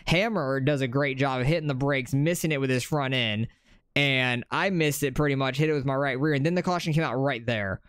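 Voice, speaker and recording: A man's voice: medium pitch, brisk, clean tone, dry recording. Chatty man commentating his racing game. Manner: chatty, excitable, rambling with fillers. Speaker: gaming channel host. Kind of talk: casual gameplay commentary.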